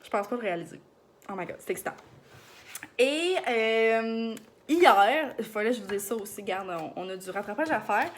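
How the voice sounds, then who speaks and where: Excited young woman with a Beauce accent. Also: on the high side, a little hiss or hum. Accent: Beauce Quebec French. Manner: fast, excited, chatty with many fillers. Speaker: vlogger. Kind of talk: casual chat to camera.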